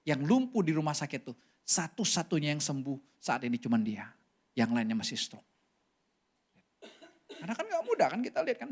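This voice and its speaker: A male pastor preaching a sermon, telling a story animatedly with sudden jumps in pitch and often calling out to the congregation. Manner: keeps addressing the congregation directly.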